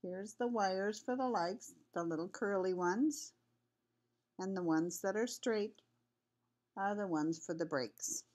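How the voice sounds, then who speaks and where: A woman's voice: medium pitch, slow pace, darkish tone. An older woman, a sweet grandmother with a cold, reading a children's picture book aloud in a homely, chatty way. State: has a cold with cough.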